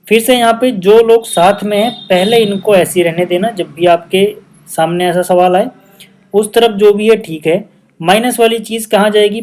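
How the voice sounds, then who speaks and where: Patient Hindi-speaking maths teacher, mellow voice. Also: male voice, high-pitched. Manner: patient, step-by-step explaining with frequent check-in questions; mixes English maths terms into Hindi. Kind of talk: whiteboard maths lesson.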